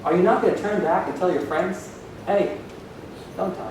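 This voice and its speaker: A man's voice: high voice, moderate pace, a little mellow, a little hiss or hum. A man preaching a sermon as pastor, questioning the congregation as he goes. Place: church hall. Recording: echoey hall, voice from far off.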